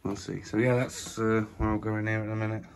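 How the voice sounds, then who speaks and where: A man with a low, monotone voice talks casually through a phone walk-through of his plot, full of fillers. Wind and outdoor noise sit clearly behind him. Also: fast. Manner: chatty, plain-spoken, full of fillers. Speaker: allotment vlogger. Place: windy allotment outdoors, then a room at home.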